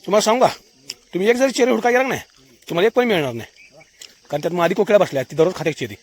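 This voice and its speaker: A man's voice: high voice, lively intonation, very fast. A man, casually vlogging outdoors by a river and pointing things out to viewers. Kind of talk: casual walking vlog by a river.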